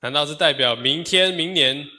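Male church interpreter relaying a sermon line by line, slightly high, crisp and bright. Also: moderate pace. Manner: steady, echoes each phrase after the preacher. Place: church hall.

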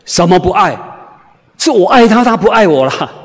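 A man voicing a talkative middle-aged wife who is stubborn and indignant, repeating her phrases with drawn-out endings. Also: high voice, very animated, darkish tone, big-room sound, pitched above the performer's own voice.

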